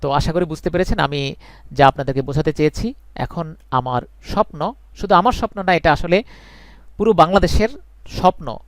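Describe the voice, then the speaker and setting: Earnest teacher, higher voice. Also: male voice, fairly quick, long pauses, dry recording. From Bangladesh. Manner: earnest, reassuring, repeats points for emphasis. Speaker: English teacher. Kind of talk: live online class.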